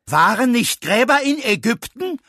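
A man's voice: very high-pitched, big pitch swings, a little slow, pushed and bright, no room sound, clean studio sound, voice pushed up, full character voice. A man voicing despairing, frightened Israelites, with a strained, wailing delivery.

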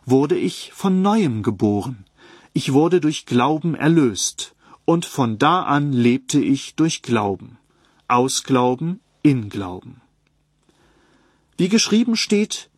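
Ruhiger Mann mit heiserer Stimme, trockene Aufnahme. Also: male voice, medium pitch, slightly rough, no echo, clean studio sound. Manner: calm, measured, citing verses. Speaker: Bible teacher. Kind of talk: read sermon on a Bible text.

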